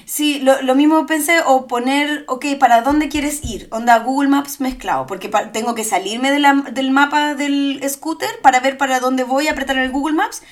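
A young Chilean woman co-hosting a podcast, telling stories in a lively, slangy, laughing way. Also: sits high, normal speed, hardly any pauses. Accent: Chilean Spanish. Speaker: podcast co-host. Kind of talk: casual chat.

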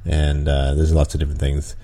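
A podcast host and dungeon master with a very deep, warm, monotone voice gives tabletop game-master advice a little fast. He rambles casually, chuckling often, with many ums and restarts.

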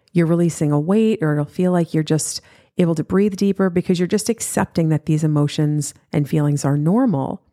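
Low-voiced woman podcast host, earnest. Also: mellow, no echo, studio quality. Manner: earnest, emphatic, repeats key points. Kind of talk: motivational podcast monologue.

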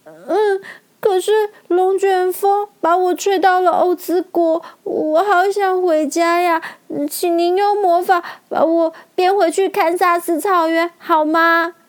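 A timid young girl stammers and pleads in a bright, quavering voice, as a woman storyteller puts her on. The voice sits far above ordinary speech. It is a children's storybook reading. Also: very high-pitched, fairly even intonation, slow, pitched above the performer's own voice. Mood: frightened. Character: frightened young girl, timid but hopeful.

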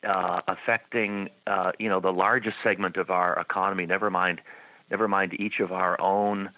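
Hoarse guy on a phone call, kinda low voice, talks it through with lots of restarts. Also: level tone, normal speed, dry recording. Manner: thoughtful, many restarts. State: slightly losing his voice. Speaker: guest investor. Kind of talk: interview answers. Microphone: phone line. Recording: tinny dry phone line.

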